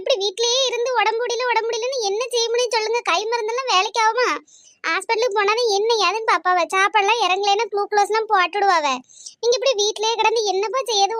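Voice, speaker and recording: A woman's voice: very high-pitched, a bit bright, no room sound. A woman voicing a caring young woman who coaxes and reassures. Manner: coaxing and reassuring.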